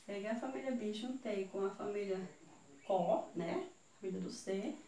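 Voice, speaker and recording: A woman with a Brazilian Portuguese accent giving a children's video lesson, spelling out syllables slowly. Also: mid-range voice, warm tone. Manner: slow, syllable-by-syllable teaching. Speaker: teacher. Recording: echoey room, voice from far off, faint hiss.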